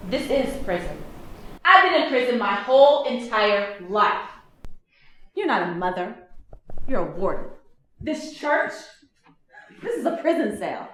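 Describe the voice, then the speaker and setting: An actress plays a bitter young married daughter pushing back at her mother. Her high voice swings widely in pitch. The sound carries an echoey room. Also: big pitch swings, measured pace, long pauses, fairly bright tone, a little hiss or hum, heavily acted. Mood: defiant. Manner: bitter, cutting, defiant.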